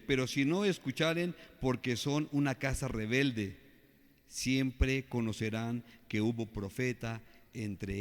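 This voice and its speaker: A male preacher with a Mexican Spanish accent giving a sermon in a church, slowing and rising as he reads scripture aloud and asking the congregation questions. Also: mid-range voice. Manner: slows down and rises when reading scripture aloud. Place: church hall. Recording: reverberant church hall.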